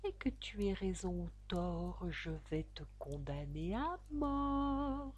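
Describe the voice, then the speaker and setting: A woman voicing a malicious dog who makes himself judge, in a slow, drawn-out sing-song delivery. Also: mid-range voice, animated, a little mellow. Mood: sly. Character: menacing scheming dog judge in a verse tale.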